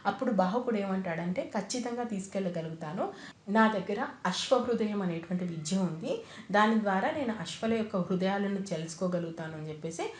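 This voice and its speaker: A woman's voice: medium pitch, expressive, a little fast, reverberant. A woman retelling an old epic story in a casual, conversational way, quoting the characters in plain everyday speech.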